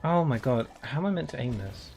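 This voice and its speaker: A man's voice: medium pitch, expressive, brisk, gravelly, background noise. A man casually chatting on a live stream as he plays a game, reacting aloud to what happens on screen. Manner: reacts aloud to gameplay with exclamations.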